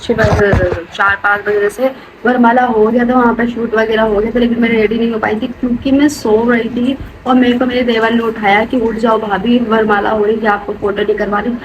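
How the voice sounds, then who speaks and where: A woman's voice: on the high side, lo-fi sound. A young woman chatting casually and at length while cooking, recorded on a phone in her home kitchen. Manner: rambling, talkative, peppers speech with "matlab" and "yaar". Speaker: vlogger. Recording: noisy phone recording with room ambience.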